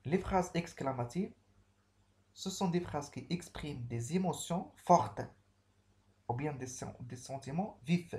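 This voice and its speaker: A man's voice: on the high side, lively intonation, unhurried, a little mellow, a little hiss or hum. A man teaching a grammar lesson to pupils, patiently repeating each key phrase.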